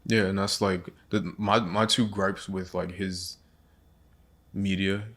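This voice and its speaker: A man co-hosts a podcast in a relaxed conversational style. His voice is low and stays fairly even in tone. He works through his arguments one at a time. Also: slow pace. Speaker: podcast co-host. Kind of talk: casual conversational chat.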